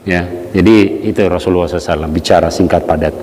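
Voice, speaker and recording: A man's voice: deep voice, steady tone, very fast, a little mellow. Man preaching casually in a reverberant hall. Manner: casual storytelling, acts out quotes, chuckles. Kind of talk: mosque study sermon. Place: mosque hall.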